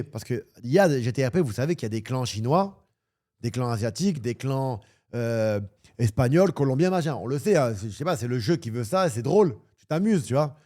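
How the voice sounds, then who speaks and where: A man chatting off the cuff on his livestream, in a mellow, warm-toned voice. He rambles from topic to topic, swears crudely and livens up when he jokes. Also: mid-range voice. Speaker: streamer and football pundit. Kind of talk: casual livestream chat.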